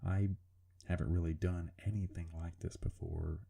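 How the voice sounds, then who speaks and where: An artist narrates his drawing video in a low, gravelly rumble with a very dark, serial-killer-like tone, delivered flatly at a moderate pace. The voice-over is informal, hesitant and self-deprecating, with casual, sweary language.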